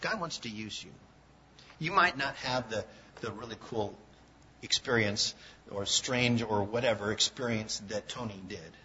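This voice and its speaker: A man's voice: fairly low pitch, unhurried, bright, forceful tone, slight background noise. A man preaching a sermon, telling a story vividly and earnestly. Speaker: pastor. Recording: dull lo-fi recording.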